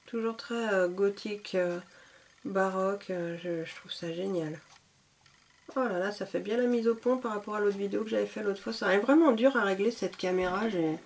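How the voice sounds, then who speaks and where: A woman's voice: mid-range voice, darkish tone. A woman chatting casually as a beauty vlogger, enthusiastic and full of fillers. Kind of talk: casual product showcase.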